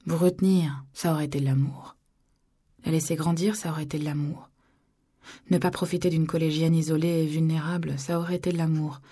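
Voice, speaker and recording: A woman reading an audiobook, voicing a calm, cold-spoken man in a hoarse, flat whisper, as whispered role-play. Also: sits low, a little fast. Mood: lecturing. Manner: flat, even, unbothered delivery.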